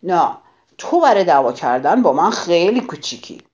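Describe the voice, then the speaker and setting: A woman's voice: fairly low pitch, big pitch swings, highs cut off. A woman voicing a grumpy, bossy little ladybug. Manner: gruff, loud and hasty. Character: grumpy quarrelsome ladybug, small, boastful.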